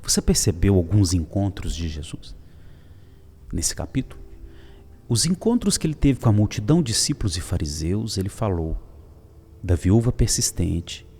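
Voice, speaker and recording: Lively, emphatic male preacher. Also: low-pitched, a little slow, pauses often. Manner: emphatic, swinging from loud calls to soft whispers. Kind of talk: daily devotional sermon.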